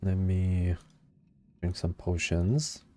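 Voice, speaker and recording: A man's voice: low-pitched, extremely slow, mellow, slight background noise. A man casually commenting while playing a video game, muttering reactions as he goes. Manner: reactive, muttering exclamations between reading.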